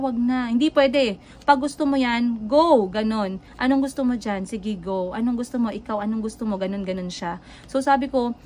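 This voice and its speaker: Animated woman vlogger, high voice. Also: a little hiss or hum. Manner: animated, emotional, mixes English into Filipino. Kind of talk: casual storytelling to viewers.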